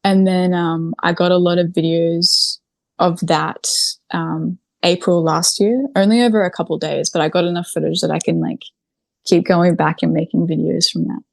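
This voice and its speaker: This podcast guest, a New Zealand video creator, chats casually in an interview, frequently using "like" and "literally." Her fairly low, darkish voice has vocal fry and fairly even intonation at normal speed, with no echo.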